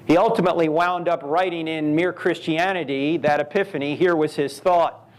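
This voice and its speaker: A man giving a live lecture at a university. He talks in an animated way, asking rhetorical questions and telling stories. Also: on the high side, normal speed. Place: university event hall.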